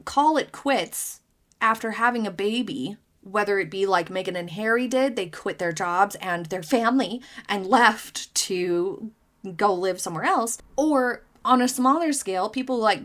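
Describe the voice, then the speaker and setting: A woman's voice: mid-range voice, fairly bright tone. A woman hosting a casual commentary vlog, reading out viewer comments and giving her opinions in a chatty way, with frequent hedges and fillers. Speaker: commentary channel host.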